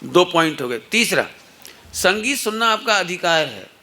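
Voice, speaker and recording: A man's voice: high-pitched, big pitch swings, unhurried, sharp tone. A middle-aged man giving a satsang talk to children and parents, telling anecdotes and playfully acting out the people in them. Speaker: religious teacher.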